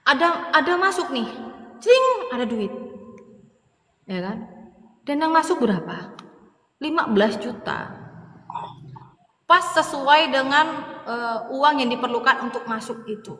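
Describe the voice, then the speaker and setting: A woman's voice: high-pitched, measured pace, long pauses. Middle-aged woman evangelist, Madurese accent, heartfelt storyteller; reverberant room. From Madura, Indonesia. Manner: emotional, storytelling with lively quoted dialogue. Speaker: evangelist sharing testimony. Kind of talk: casual testimony chat. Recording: echoey room with long reverb.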